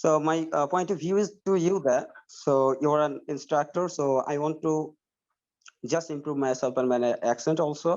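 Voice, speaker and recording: Slow, hesitant Bangladeshi man. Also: on the high side, darkish tone, highs cut off. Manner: hesitant, many fillers and restarts. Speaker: high school teacher. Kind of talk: online class conversation.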